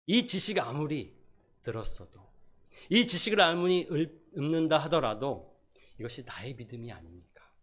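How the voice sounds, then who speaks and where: A middle-aged man preaching a sermon as pastor, moving between loud emphasis and soft asides, and acting out pleading prayers. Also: mid-range voice. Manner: acts out prayers and quotes in a pleading voice.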